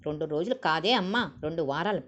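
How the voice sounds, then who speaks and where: A woman's voice: deep voice, lively intonation, fast talker. A woman voicing an emotional, devout old grandmother who talks with fervent affection, on a dull lo-fi recording.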